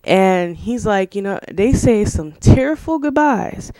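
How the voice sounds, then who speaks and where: Casual film review, rambling, profane, filler-heavy, dry close sound, middle pitch. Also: expressive, takes it slowly, warm tone, dry recording. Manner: rambling and profane, full of "you know" and "like"; laughs between remarks.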